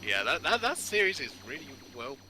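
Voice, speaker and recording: A man's voice: on the high side, sing-song, a little fast, music in the background, poor audio. A young man streaming a game, chatting casually and rambling with many restarts and casual swearing. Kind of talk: casual chat while gaming.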